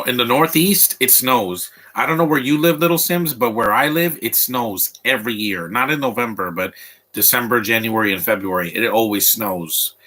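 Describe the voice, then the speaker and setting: A movie commentator rambles through casual live remarks while watching a film at home. His mid-range voice is bright and forceful, and he keeps stopping and restarting his sentences.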